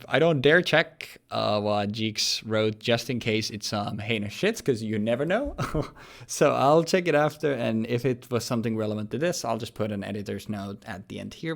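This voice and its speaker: A man in his late twenties hosting a casual card game video, joking and rambling as he talks, and going hoarse as he loses his voice. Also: medium pitch. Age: 20s. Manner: joking, rambling, laughs often. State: losing his voice. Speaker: host. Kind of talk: casual gaming commentary.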